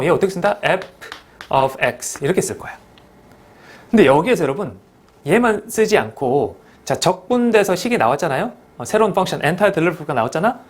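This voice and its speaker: Lively-voiced male math teacher lecturing. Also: a little high. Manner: talkative, mixes in English math terms, asks students "그죠?".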